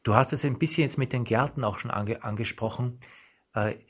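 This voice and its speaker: A man hosting a radio interview, halting and searching for words as he asks his questions. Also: mid-range voice, fairly bright tone, lo-fi sound. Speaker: radio host.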